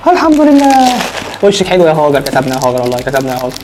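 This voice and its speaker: An excitable man with an Egyptian Arabic accent rattles through a snack unboxing challenge at a fast clip. He repeats words in quick bursts. Wrappers crinkle and click clearly behind him. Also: mid-range voice, a little hiss or hum. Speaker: food challenge vlogger. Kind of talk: casual unboxing challenge chat.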